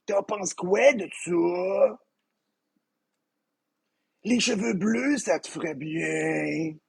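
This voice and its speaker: A man with a Québécois accent voicing a bumbling middle-aged cartoon dad, lecturing slowly in a husky, gravelly voice. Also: exaggerated voice. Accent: Québécois French. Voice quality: gravelly, very husky, high and swooping. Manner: slow, rambling fatherly lecturing. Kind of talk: comedic impression.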